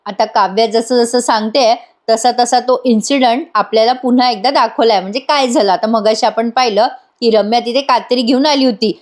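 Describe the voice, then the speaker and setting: A woman narrates a serial recap over still images, chatting and addressing viewers directly. Her voice sits a little high. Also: fairly quick, few pauses. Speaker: serial reviewer.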